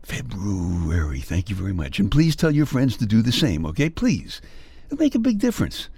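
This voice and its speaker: Husky, animated older male podcaster. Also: medium pitch, a little fast, no room sound. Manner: playful, folksy, mock-grumbling. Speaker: podcast host. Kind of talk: personal humorous storytelling monologue.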